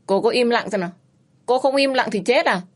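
A woman voicing a calm, bossy young man who speaks in short, commanding lines. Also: on the high side, a little fast, voice pushed up, lightly acted. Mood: curt.

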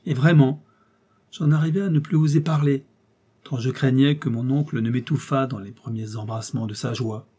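A man narrating a classic adventure novel in the first person, with expressive, measured storytelling. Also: mid-range voice, husky. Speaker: audiobook narrator.

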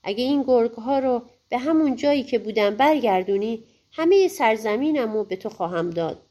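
A woman voicing a frightened king in a storybook, shouting and pleading. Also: on the high side, expressive. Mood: panicked. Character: frightened old king, male.

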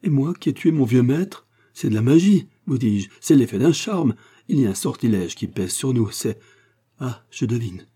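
Male reader playing a hoarse, panicked curator, high and loud, storybook reading. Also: lively intonation, normal speed. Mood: frantic. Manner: frantic, raised voice. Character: terrified guilt-stricken male museum curator.

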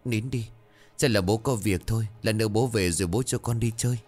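A man's voice: fairly low pitch, brisk, a little mellow, close to an everyday voice. A man voicing a young father who soothes his crying son. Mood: soothing.

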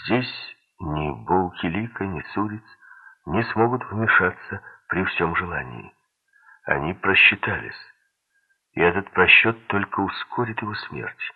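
A man narrating a thriller audiobook in a steady, measured reading. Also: low voice, breathy edge. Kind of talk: scripted narration. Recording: tinny lo-fi audiobook recording.

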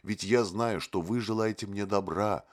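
A man voicing a naive, fawning young male poet who talks in a gushing, drawn-out way. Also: fairly low pitch, pitched above the performer's own voice, lightly acted.

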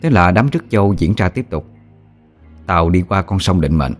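A man reading a ghost story aloud in a slow, somber way. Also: low voice, animated. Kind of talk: scripted horror story narration. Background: soft music with singing bowl.

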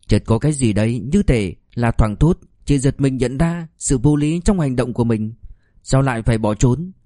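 A man narrating an audiobook in a measured, expressive reading. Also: mid-range voice, dry recording, studio quality.

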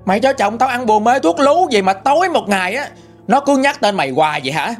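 A man's voice: high voice, wildly swooping pitch, unhurried, fairly bright tone, soft background music, pitched above the performer's own voice, exaggerated voice. A man voicing a spiteful, jealous middle-aged woman who screams accusing insults. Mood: screaming abuse.

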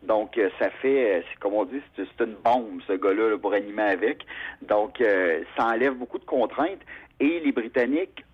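A man's voice: on the low side, moderate pace, breathy edge, narrow, tinny audio. A man from Quebec with a Québécois French accent, a motorsport announcer telling stories in a radio interview, full of fillers and restarts. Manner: chatty, animated storyteller with frequent fillers.

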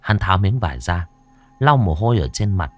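A man narrating a horror story with suspenseful, expressive delivery. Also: low-pitched, brisk, dry recording, soft background music. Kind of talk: dramatic horror story reading.

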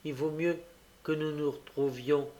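A man's voice: fairly high pitch, steady tone, measured pace, mellow, lightly acted. A man voicing a frail, frightened little boy in an audiobook, timid and stammering. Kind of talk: audiobook character voice.

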